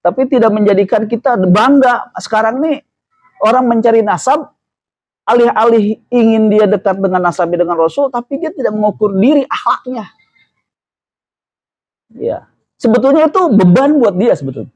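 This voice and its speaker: A man with an Indonesian accent gives a relaxed religious study talk, joking with and questioning his listeners. His voice sits a little high. The sound is dry and close, with no room around it. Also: moderate pace, long pauses, dry recording. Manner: chatty, jokes and asks the audience questions. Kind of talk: casual mosque study sermon.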